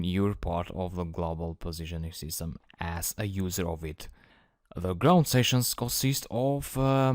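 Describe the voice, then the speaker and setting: A man with an Eastern European accent giving an explanatory lecture as an instructor, in a measured, methodical manner. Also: deep voice, no room sound, studio quality.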